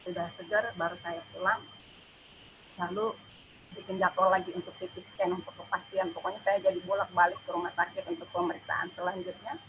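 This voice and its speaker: A young woman giving an emotional personal testimony in church, halting and often adding a soft "ya". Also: lowish voice, level tone, muffled recording, slight background noise.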